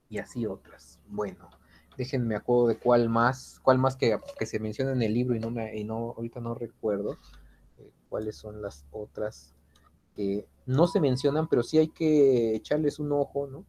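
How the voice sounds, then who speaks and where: A man with a mid-range, darkish voice teaches an informal philosophy class at a measured pace with fairly even intonation. He's chatty and conversational, tacking tag questions and fillers onto his sentences and acting out anecdotes.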